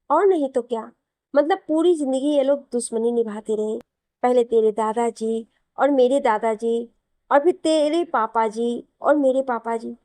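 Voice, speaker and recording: A woman voicing a spoilt, sharp-tongued young bride in an audio novel, teasing and cheeky. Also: on the high side, no room sound, lightly acted. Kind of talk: Hindi audio novel reading.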